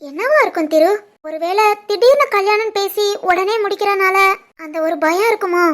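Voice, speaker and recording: A caring young cartoon wife, voiced by a woman who speaks softly and thoughtfully in a very high voice. She talks quietly, with gentle concern. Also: normal speed. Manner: soft, concerned and reflective. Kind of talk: animated family drama voice acting.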